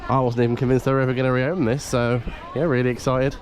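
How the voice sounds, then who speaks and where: A man's voice: mid-range voice, level tone, fast, a faint crowd. A man giving chatty, appreciative casual vlog commentary as he goes around outdoors. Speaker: vlogger. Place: outdoors at a theme park zoo. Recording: noisy outdoor recording with vehicle sounds. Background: loud outdoor ambience.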